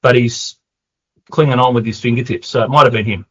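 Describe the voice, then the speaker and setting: An Australian man co-hosting a casual footy podcast, talking in a rambling, halting and fond way. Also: medium pitch, fairly even intonation, a bit bright, slightly rough. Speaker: podcast co-host. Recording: dull, muffled audio.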